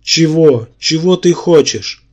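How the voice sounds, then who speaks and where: A man reading an audiobook, voicing a bitter hero reborn as a clawed monster, speaking hoarsely. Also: fairly high pitch, slow, darkish tone, muffled recording. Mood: exhausted. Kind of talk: audiobook character voice.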